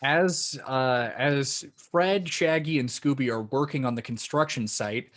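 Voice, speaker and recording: A man's voice: mid-range voice, unhurried, fairly bright tone. A man co-hosting a podcast review, laid-back and casual, with dry quips. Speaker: podcast co-host.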